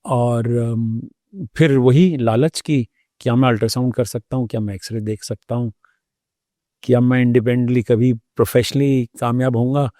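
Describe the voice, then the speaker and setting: A man, a doctor, telling his personal story as an interview guest, thoughtful and unhurried, with pauses and hesitations. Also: mid-range voice, fairly even intonation, mellow, no echo, studio quality.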